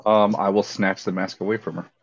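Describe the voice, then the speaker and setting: A man's voice: fairly low pitch, level tone, no room sound, muffled recording. Hesitant man at the gaming table. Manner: hesitant, halting. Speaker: player. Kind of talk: casual tabletop play.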